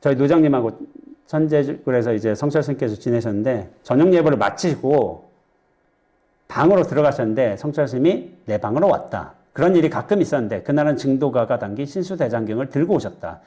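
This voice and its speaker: Mellow-voiced monk giving a joking dharma talk. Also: male voice, mid-range voice, animated, fairly quick. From Chungcheong, Korea. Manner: chatty, joking asides, quizzes the audience. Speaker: Buddhist monk lecturer. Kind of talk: dharma lecture to a lay audience. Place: temple lecture hall with audience.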